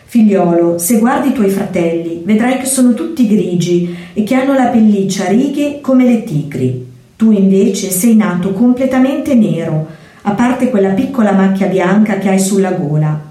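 Woman reading a serious mother cat, earnest and caring, mellow voice, echoey room. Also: mid-range voice, expressive, normal speed, close to an everyday voice. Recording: echoey room, far from mic.

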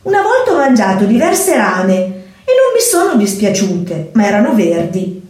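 A woman voicing a big, ugly, dim-witted bird who croaks stubbornly and raises his voice somewhat. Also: medium pitch, huge pitch swings, normal speed, a little mellow. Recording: echoey room, far from mic.

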